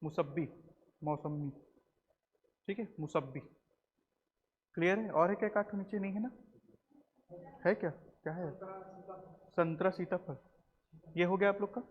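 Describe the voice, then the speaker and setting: Male teacher, slightly high voice, quizzing the class in a long-echo room on a dull recording. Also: moderate pace, long pauses, slight background noise. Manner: quizzes the class, repeats answers, says "ठीक है" often. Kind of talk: classroom lecture.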